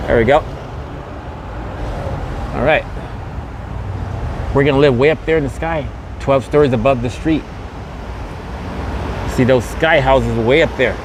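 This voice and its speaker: Speaking in a mid-range voice, unhurried and with frequent pauses, a male vlogger hosts a walking podcast on a busy open-air mall street. His casual tour commentary is repetitive, promotional, and packed with catchphrases. It's captured on a handheld phone camera, with wind, traffic, and street noise in the background.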